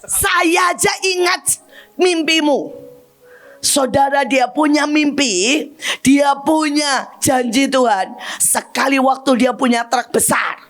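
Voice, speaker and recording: A woman evangelist preaching a sermon, shouting at its peaks and dropping to soft asides. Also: sits high, slow.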